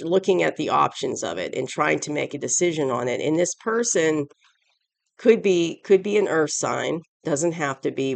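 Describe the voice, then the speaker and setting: A tarot reader who hosts a channel runs a casual weekly reading, her medium-pitched, creaky voice stuffy and odd-sounding from allergies and a sore throat. She rambles and corrects her phrasing as she goes. There's no echo.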